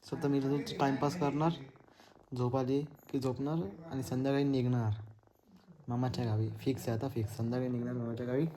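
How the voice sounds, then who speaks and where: A man's voice: mid-range voice, little pitch movement, fairly quick, dark tone, poor audio. A young man casually vlogging from his village home, chatting and mixing in English words. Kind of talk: casual vlog chat. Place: village house.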